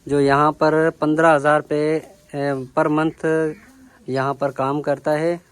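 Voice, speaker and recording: A man's voice: fairly high pitch, level tone, a little slow, clear, resonant tone, no room sound. A man from Sindh, Pakistan, vlogging in village farmland outdoors, asking short questions and repeating each answer back before he turns to the camera. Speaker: village vlogger interviewing workers. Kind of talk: casual interview and talk to camera.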